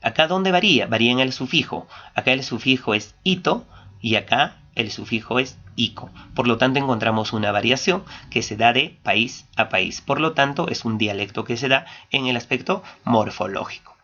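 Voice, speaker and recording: A man with an Ayacucho Peruvian Spanish accent gives a classroom lecture in a mid-pitched voice. He poses questions and answers them himself, drawing out key words to stress them. The recording sounds dull and lo-fi. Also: sharp tone. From Peru. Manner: stresses key terms, stretching some words slowly. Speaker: teacher.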